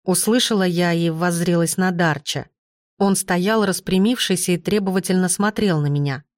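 A woman reading a novel aloud as first-person scripted narration, in a measured, even manner. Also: fairly low pitch, no echo, clean studio sound. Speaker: audiobook narrator.

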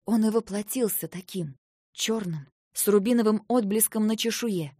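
A woman narrating a first-person fantasy audiobook in a measured storytelling way. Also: mid-range voice, warm tone, no room sound, studio quality.

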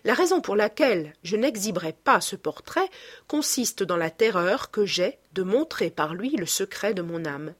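A woman's voice: mid-range voice, sing-song, normal speed. A woman reading aloud as a young male painter, earnest and emphatic, guarding a secret.

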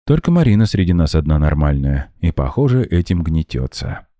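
A man voicing a calm, thoughtful young woman in an audiobook, barely changing his voice. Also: rumbling low, moderate pace, no room sound, clean studio sound, heavily acted. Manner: composed, thoughtful.

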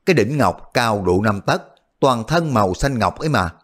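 A man voicing a hot-tempered, blunt and honest short male martial artist who blurts things out loudly. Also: mid-range voice, expressive, moderate pace. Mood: agitated. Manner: loud, hasty outbursts.

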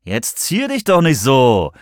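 A man voicing a smug, pushy young man who speaks in a slow, sneering drawl. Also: a little high, very animated, no room sound, studio quality, pitched above the performer's own voice. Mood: leering.

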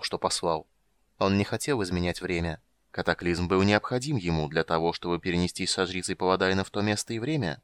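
A dark goddess, read by a man in his own low voice, speaks with slow, coldly calm command. Her lines are close and dry, without any room sound, as in an audiobook. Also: dry recording, lightly acted. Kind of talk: audiobook character voice.

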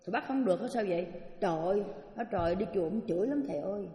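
A woman's voice: mid-range voice, racing, slight background noise. A woman with a Southern Vietnamese accent giving a Buddhist dharma talk as a teacher, telling stories and putting questions to her listeners. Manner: lively storyteller, questions the audience. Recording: echoey hall with long reverb.

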